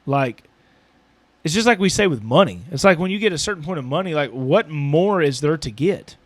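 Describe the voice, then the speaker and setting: A man's voice: on the high side, animated, normal speed, a bit bright, no echo. A man hosting a casual podcast chat who talks hesitantly, stumbling and repeating his words as he questions his co-host, recorded in a small building.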